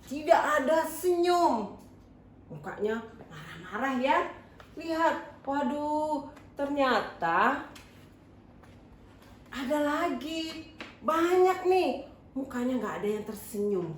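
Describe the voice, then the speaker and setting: An animated woman tells young children a picture-book story in a church service, speaking slowly. Her fairly high voice swoops up and down. She sounds far from the microphone, in a roomy, echoing space with faint ambience behind her. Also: a little hiss or hum. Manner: animated, questions the children and answers herself.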